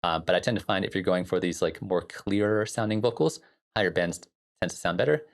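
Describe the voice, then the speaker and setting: In a casual music-software tutorial, a male instructor explains things informally at a fairly quick pace, his fairly low voice thick with vocal fry.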